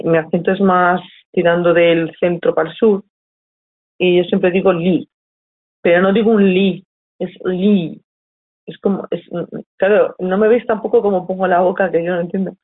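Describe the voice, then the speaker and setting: Husky Spanish woman teaching online. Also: on the low side. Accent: Spanish, from Spain. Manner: explanatory, checks in with students, reads the chat aloud. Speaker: Italian teacher. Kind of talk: live online lesson. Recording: tinny phone-like audio.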